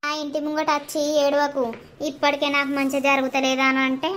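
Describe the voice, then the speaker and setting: A woman's voice: high voice, flat delivery, a little fast, fairly bright tone. A woman voicing an angry, jealous village wife in a cartoon comedy, scolding and accusing in a Telangana Telugu accent. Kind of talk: animated village comedy voice acting.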